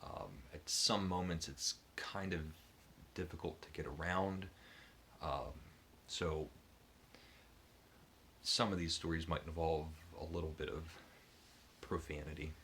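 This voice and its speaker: Slow, deep-voiced man telling a story. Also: steady tone, bright, forceful tone, a little hiss or hum. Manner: hesitant, many ums and restarts. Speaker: booktube channel host. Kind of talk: casual storytelling to camera.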